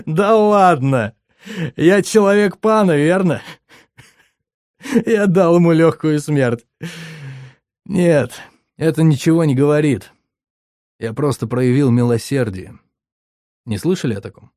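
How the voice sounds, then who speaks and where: A male narrator voicing a furious young man who shouts indignantly at his comrades. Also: on the high side, slow pace, pauses often, no room sound, studio quality, voice pushed up. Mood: furious shouting.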